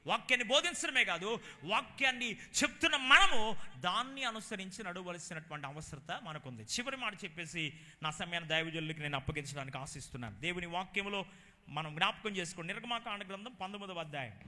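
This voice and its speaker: A man with a Telugu accent preaching a sermon, swinging between loud exclamations and low, quiet asides. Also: expressive, fairly quick, long reverb tail. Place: church hall.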